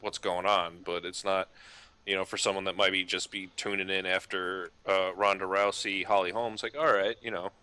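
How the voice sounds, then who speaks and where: A man's voice: deep voice, level tone, moderate pace, bright, forceful tone, clear, resonant tone, no echo. A man co-hosting a casual podcast, arguing his views with plenty of fillers and some swearing. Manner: argumentative, hedging with fillers, swearing. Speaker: podcast co-host. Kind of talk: casual sports chat.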